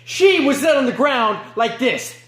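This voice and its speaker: A man playing a remorseless male killer in an amateur film monologue, moving between low mutters and sharp outbursts. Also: big pitch swings, unhurried, echoey room, exaggerated voice. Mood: gleeful, frenzied. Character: remorseless male killer recounting his crimes.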